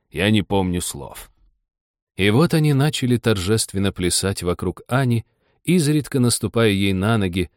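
Low calm guy reading an audiobook, dead dry studio sound. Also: dry recording. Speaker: narrator. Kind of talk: audiobook narration.

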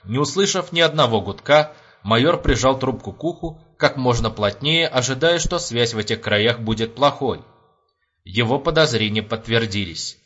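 A man narrating an audiobook in an expressive storytelling manner. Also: medium pitch. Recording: lo-fi home recording.

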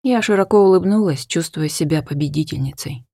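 A woman reading a first-person novel aloud in a measured, dramatic way, sometimes dropping to a hush. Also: low voice, vocal fry, no room sound, clean studio sound. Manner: measured, dramatic, drops to hushed tones. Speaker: audiobook narrator. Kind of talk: scripted first-person narration.

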